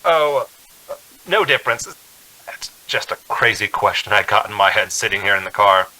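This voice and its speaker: A man with a fairly low pitch, lively intonation, and a bright, forceful tone speaks at normal speed in a rough recording. He's an actor in an old-time radio drama with narration, playing a haunted, anxious young man driving cross-country. His delivery is tense, nervous, and halting.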